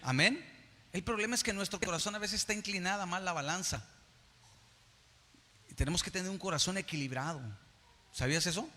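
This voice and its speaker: A man pastor with a Mexican Spanish accent, preaching an emphatic sermon that swings from soft to loud. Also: high-pitched, a little fast, long pauses, long reverb tail. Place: church hall.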